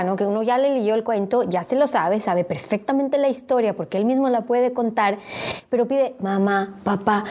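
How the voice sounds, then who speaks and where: Mellow-voiced woman asking long questions. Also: on the high side. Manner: long winding questions with fillers. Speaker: interviewer. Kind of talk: interview questions.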